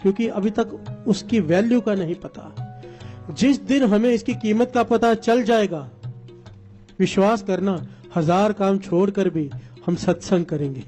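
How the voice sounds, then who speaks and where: A man's voice: sits high, unhurried, dark tone, soft background music. A man preaching a sermon as a story, calling on the congregation to respond.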